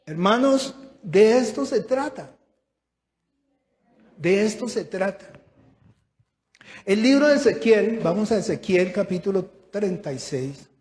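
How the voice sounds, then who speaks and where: A male pastor preaches a sermon in a church hall, questioning the congregation and raising his voice for emphasis. His high, expressive voice has a darkish tone, a slow pace, and frequent pauses, and the room is echoey.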